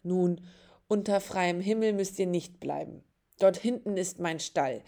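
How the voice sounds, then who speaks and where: A woman voicing a busy, gruff male innkeeper in a storybook reading. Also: on the low side, unhurried, mellow. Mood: brusque. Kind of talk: storybook narration.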